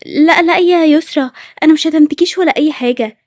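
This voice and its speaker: A woman's voice: high-pitched, fast talker, dry recording, studio quality, close to an everyday voice. A woman with an Egyptian accent voicing a friendly schoolgirl who pleads that she is innocent. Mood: pleading. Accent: Egyptian Arabic. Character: friendly schoolgirl wrongly accused.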